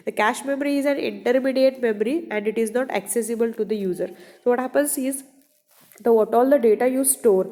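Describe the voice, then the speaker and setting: A woman gives a classroom lecture on computers, pausing now and then to check that her students are keeping up. She talks quickly in a mellow, somewhat high voice. The room carries a long, echoey reverb. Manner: repeats "your" and "done?" as she checks on students. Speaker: computer science teacher.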